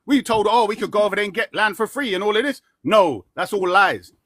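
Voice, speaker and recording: A man pushes his case in a heated live debate, throwing out rhetorical questions and slang. His voice sits high and sounds bright, with a dry, close sound. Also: expressive, brisk, no echo. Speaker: caller.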